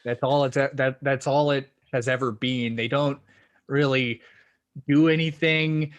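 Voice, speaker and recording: A man's voice: medium pitch, steady tone, unhurried, dull audio. A man co-hosting a podcast review, laid-back and casual, with dry quips. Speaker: podcast co-host.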